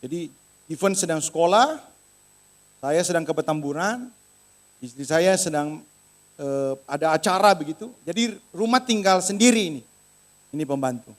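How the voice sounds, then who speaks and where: A man's voice: a little high, moderate pace, pauses often. A middle-aged man preaching a sermon in a church, telling a story and acting out the voices in it. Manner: animated, acts out voices in quoted dialogue. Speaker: pastor.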